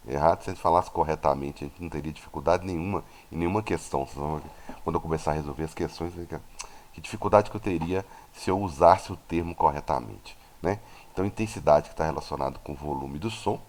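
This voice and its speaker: A Brazilian man with a very low voice teaches a physics lesson. He goes through each point step by step and stops often to check that his students are following. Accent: Brazilian Portuguese. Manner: explanatory, many tag questions. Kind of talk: recorded classroom lesson.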